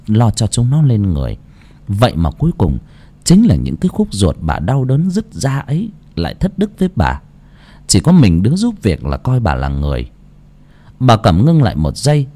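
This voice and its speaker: Người đàn ông kể truyện ma sinh động. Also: male voice, lowish voice. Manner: lively, dramatic. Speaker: storyteller. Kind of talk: scripted ghost story narration.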